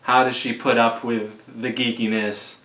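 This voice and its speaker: A man in his forties talks casually to camera as host. He is jokey and halting, unhurried, with a roomy echo around his voice. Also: mid-range voice, little pitch movement, fairly bright tone. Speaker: video host. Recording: echoey room.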